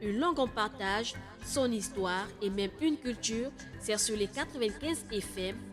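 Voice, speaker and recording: Over a loud music bed, a woman with a fairly high voice reads a scripted promo for a radio programme, speaking a little slowly.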